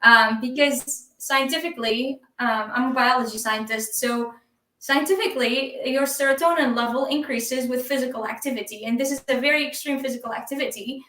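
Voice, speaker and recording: Bright, distant woman on an echoey video call. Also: high voice, brisk. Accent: Iraqi Arabic. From Iraq. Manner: easygoing, laughs often, many ums. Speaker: guest drummer. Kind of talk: live stream interview. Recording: echoey room, distant from the mic.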